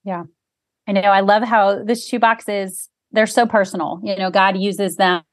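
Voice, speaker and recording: A woman's voice: medium pitch, steady tone, a little slow. A woman hosting an interview show, encouraging her guest with frequent affirming murmurs. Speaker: podcast host.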